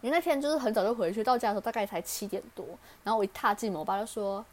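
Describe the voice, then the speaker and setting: A woman's voice: medium pitch, racing. A young woman from Taiwan with a Taiwanese Mandarin accent, hosting a podcast and casually telling a personal story, acting out the lines of the people in it. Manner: chatty, acts out quoted dialogue. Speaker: podcast host.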